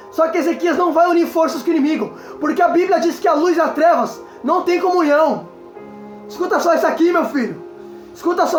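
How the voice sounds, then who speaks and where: A man with a Brazilian Portuguese accent preaching a sermon as an evangelist, repeatedly urging his listeners to pay attention. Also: very high-pitched. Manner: exhorting, repeats calls to listen. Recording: echoey room with faint music.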